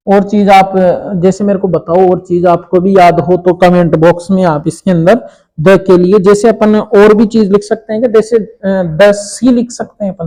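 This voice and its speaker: Man, high pitch, mellow tone, patient classroom explaining, frequent check-ins. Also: poor audio. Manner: explains slowly, repeats checks like "theek hai" to children. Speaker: English teacher. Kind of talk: classroom grammar lesson.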